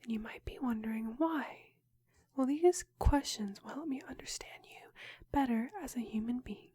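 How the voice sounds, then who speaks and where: A young woman whispering an ASMR roleplay as a clinic counselor, asking questions softly with pauses. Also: on the high side, breathy edge, no echo, clean studio sound. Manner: soft whisper throughout, slow questioning with pauses. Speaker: ASMR creator.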